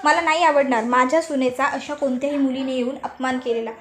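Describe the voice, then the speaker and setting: A woman voicing a stern middle-aged mother-in-law who speaks in a measured, reproachful way. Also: high-pitched, fairly even intonation, a bit bright.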